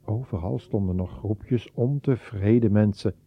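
A man narrating a Bible story slowly and dramatically, lifting his voice for quoted speech. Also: on the low side, gravelly, slightly rough, no echo. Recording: dull, lo-fi.

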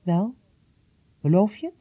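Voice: mid-range voice, very animated, measured pace, no room sound, narrow, tinny audio. A reader voicing Tors, a sly old gardener. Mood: confiding. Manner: confiding, mildly teasing. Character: shrewd old male gardener, sly and secretive. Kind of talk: audiobook reading.

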